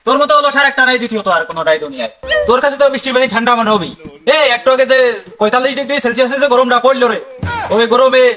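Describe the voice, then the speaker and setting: High-pitched boastful man in a village skit. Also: expressive, rapid-fire, soft background music. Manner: boastful, loud and teasing. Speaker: comedian in village sketch. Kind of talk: scripted village comedy skit.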